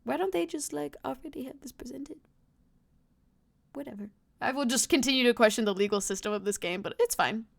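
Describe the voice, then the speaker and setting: A woman's voice: on the high side, fairly quick, creaky. A woman giving casual, sweary commentary as she streams a game. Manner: frequent swearing.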